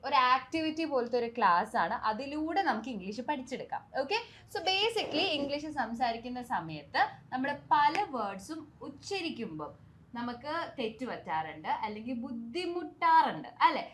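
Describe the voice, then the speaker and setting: A young woman from Kerala hosting a bilingual language lesson, teaching English pronunciation and repeating words slowly and carefully to model them. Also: high voice, very animated, a bit bright, slight background noise.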